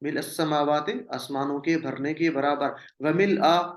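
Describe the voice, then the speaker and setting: Guy teaching a lesson, kinda high voice, patient, repeats every word twice, echoey room. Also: steady tone. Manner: patient, repeats each word and its meaning as a drill; mixes English words into the explanation. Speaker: Quranic Arabic teacher. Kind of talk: classroom lesson.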